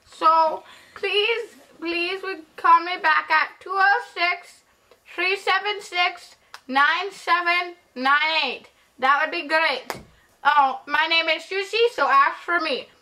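A halting fake store clerk, as a woman plays her in a prank call. Her voice is high and bright, and she stumbles and restarts as she reads out the message. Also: heavily acted, rough recording. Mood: mock-polite. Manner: halting, stumbling over words.

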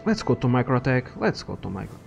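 A man's voice: mid-range voice, sing-song, brisk, vocal fry, darkish tone, faint music behind. Rambling young man narrating gameplay. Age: young adult. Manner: rambling, profane, thinks aloud. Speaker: gaming channel host. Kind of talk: casual gameplay commentary.

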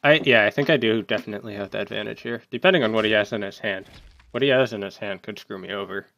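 A man giving casual gameplay commentary, thinking aloud as he plays and breaking into sudden excited outbursts. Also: lowish voice, fast talker. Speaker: gaming YouTuber.

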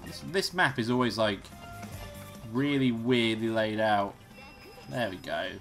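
A man's voice: on the low side, animated, a little slow, fairly bright tone. A young man hosting a let's play, giving casual, rambling gameplay commentary and swearing freely. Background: game music.

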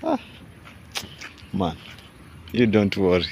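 A man's voice: low-pitched, huge pitch swings, slow, dull audio. A man filming a casual walking vlog outdoors on a phone, chatty and teasing, mixing English and Swahili. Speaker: vlogger filming a walk. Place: outdoors by a stadium at dusk. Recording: outdoor street noise.

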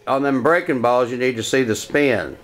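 An older grandfather talking slowly and repetitively to a toddler, coaxing him in a casual home video. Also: mid-range voice, very noisy. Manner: slow, repetitive coaxing talk to a small child.

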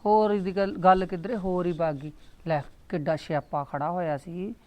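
A woman's voice: on the low side, steady tone, moderate pace, darkish tone, natural voice. A middle-aged woman playing a chatty, meddling village aunty who coaxes and advises her neighbors. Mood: musing. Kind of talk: village comedy skit acting.

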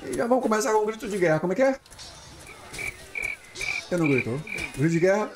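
Excitable Brazilian man, lively high voice. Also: fast, background noise. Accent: Brazilian Portuguese. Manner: excitable, swears, yells in fights. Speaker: gaming YouTuber. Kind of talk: casual gameplay commentary.

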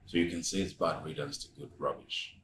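A man's voice: a bass voice, fairly even intonation, brisk. An actor with a Nigerian accent playing a recently divorced man who talks easily and laughs between his remarks. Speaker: boss's friend confiding in a young employee. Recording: echoey room with background noise.

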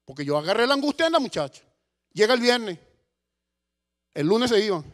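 A middle-aged Venezuelan pastor with a strikingly high voice preaches with passion, rising into loud bursts and dropping to hushed asides. His voice rings through a church hall with a long, echoing tail. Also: very animated, a little fast. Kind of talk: sermon.

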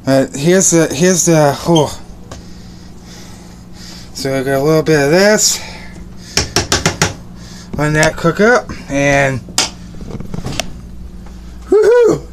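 A man's voice: a little high, very animated, very slow, long pauses, slight background noise. A young man vlogging casually as he cooks at home, upbeat and rambling, repeating his words, filmed on a phone held at arm's length. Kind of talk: casual cooking vlog. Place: small home kitchen and bedroom indoors. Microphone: phone camera at arm's length.

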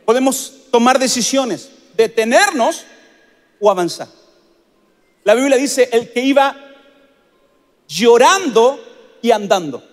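Male pastor, very high voice, emphatic sermon, church-hall reverb. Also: lively intonation, slow pace, pauses often. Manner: emphatic preaching, repeats phrases for stress.

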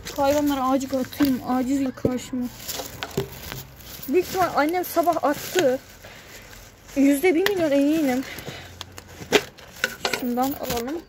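A young woman with a high voice talks casually to her phone camera while feeding her animals outside. She is chatty and repeats her questions over and over when something worries her. A faint hum of outdoor noise sits under her voice. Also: measured pace, long pauses. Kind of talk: casual vlog chat. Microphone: handheld phone camera.

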